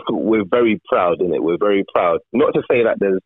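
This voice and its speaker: A man on a podcast, talking in a halting way, repeating words as he thinks. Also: fairly low pitch, dry recording. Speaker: podcast co-host. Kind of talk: casual chat. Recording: tinny phone-like remote call.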